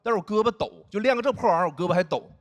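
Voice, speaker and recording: A man performing a stand-up comedy set on stage, animated and acting out other people's voices. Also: high-pitched, very fast. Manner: animated, acts out friends' teasing voices. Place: stage before a live audience. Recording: noisy live show audio. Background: audience laughter.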